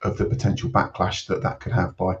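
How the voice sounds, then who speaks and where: Man, low monotone voice, panel guest, distant muffled recording. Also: fairly quick. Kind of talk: interview answer. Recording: distant dull remote mic.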